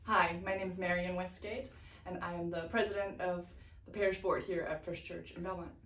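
A woman's voice: lowish voice, fairly even intonation, fairly quick, fairly bright tone, a little hiss or hum. A woman in her forties, president of a parish board, making a hesitant church announcement with many ums, recorded by a far camera in an office. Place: church office with bookshelves, indoors. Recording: roomy sound from a distance.

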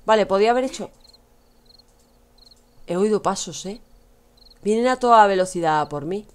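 A woman's voice: mid-range voice, expressive, normal speed, clean tone. Chatty Spanish woman streaming a game. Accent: Spain Spanish. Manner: chatty, teasing, addresses chat, laughs often. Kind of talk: casual gameplay commentary.

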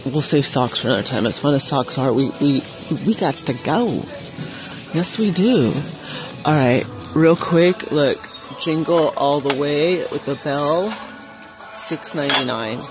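A woman filming a shop-with-me vlog in a large store on a handheld phone, chatting excitably and reading prices aloud. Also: low-pitched, a little slow, over music. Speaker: vlogger. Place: large indoor retail store. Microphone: handheld phone camera.

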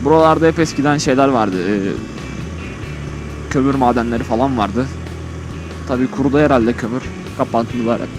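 Riding a motorcycle outdoors, this man chats colloquially through his helmet at a fairly quick clip, his medium-pitched voice fairly even and broken by long pauses. Music and traffic noise sit behind his casual vlog commentary.

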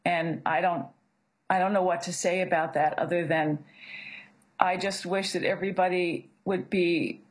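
A middle-aged woman who works as a physician assistant and abortion provider speaks earnestly in a news interview, frequently restarting her sentences. Her voice is lowish, with a steady tone and moderate pace.

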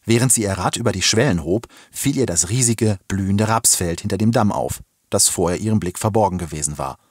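A man podcast host giving an expressive, dramatic reading of a novel excerpt. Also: sits low, a little fast, slightly rough, no echo, clean studio sound.

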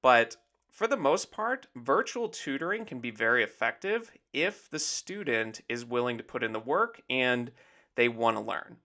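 A man with a bright, ringing voice gives a relaxed screen-share tour of his site. He explains at an easy pace, like a math teacher talking his students through something. His fillers are "basically" and "essentially". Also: mid-range voice, moderate pace. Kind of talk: casual screen-share walkthrough.

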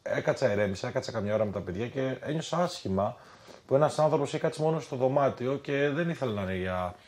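A man's voice: mid-range voice, expressive, a little mellow. A man on a reality show, defending himself insistently in a heated argument and cutting in often. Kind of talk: heated argument and confessional talk.

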